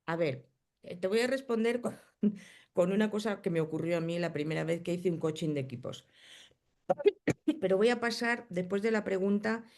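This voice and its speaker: Hoarse woman with a gravelly voice teaching. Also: medium pitch, moderate pace, pauses often, a little mellow. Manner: explains step by step, then reads the chat. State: hoarse, coughing. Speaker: coaching teacher. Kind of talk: live online class.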